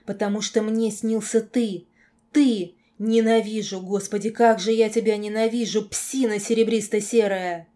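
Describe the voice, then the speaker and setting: A woman voicing a furious young woman in an audiobook, screaming insults in a hoarse, raw voice. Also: medium pitch, moderate pace, warm tone, natural voice. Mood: enraged. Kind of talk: audiobook character voice.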